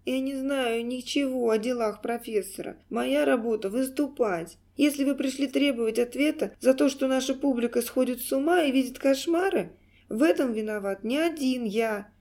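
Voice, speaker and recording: Woman as a cowering dwarf clown: high, begging, whimpering, mellow-toned. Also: normal speed. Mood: pleading. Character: frightened pleading male dwarf clown.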